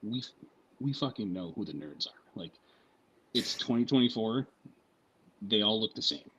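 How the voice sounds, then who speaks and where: Heard through a muffled recording, this former soldier is a podcast guest whose lowish voice is a bit bright with a breathy edge. He's animated but keeps a normal pace, telling profane, meandering stories and tossing in "right?" and "you know what I mean?" to check in.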